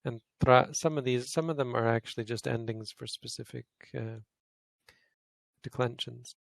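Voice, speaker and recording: A man's voice: mid-range voice, fairly even intonation, moderate pace, gravelly, dry recording. A man, a Buddhist monk, giving an informal grammar lesson to a study group, thinking aloud and correcting himself as he goes. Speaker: Buddhist monk teaching Pali.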